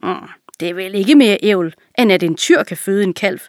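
A woman reading a children's fable, voicing a cunning, quick-witted male fox in a brisk, teasing voice. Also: mid-range voice, lively intonation, dry recording, studio quality, close to an everyday voice.

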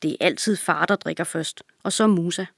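Low-voiced woman narrating a children's book. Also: vocal fry, fairly bright tone, no room sound, clean studio sound. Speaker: audiobook narrator.

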